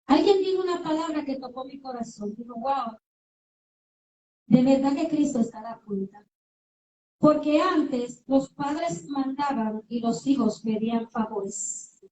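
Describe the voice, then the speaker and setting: Woman preacher, high voice, emphatic and questioning; distant mic in an echoey sanctuary. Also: a little mellow. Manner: emphatic, with rhetorical questions and acted-out dialogue. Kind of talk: sermon. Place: church sanctuary. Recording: echoey room, voice from far off the mic.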